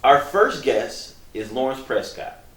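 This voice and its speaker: A man hosting a talk show, who introduces his guests and asks them questions in measured, formal phrasing. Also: mid-range voice, very animated. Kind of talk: interview hosting. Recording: echoey room, distant mic.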